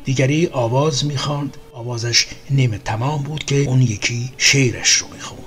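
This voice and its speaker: Male narrator, middle pitch, measured storytelling read, faint music bed underneath. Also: a bit bright.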